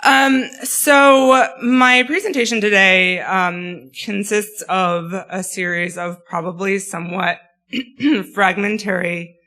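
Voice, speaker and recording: Woman speaker losing her voice, bright tone, lots of ums, chatty and self-deprecating. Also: medium pitch, fairly even intonation, takes it slowly. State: losing her voice, clearing throat. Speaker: guest speaker. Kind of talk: academic talk.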